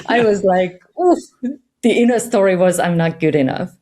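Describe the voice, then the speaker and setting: A woman with a Finnish accent and a mellow, fairly low voice talks at a moderate pace. She's a meditation guide in a conversational interview, reflective and candid, laughing lightly and often.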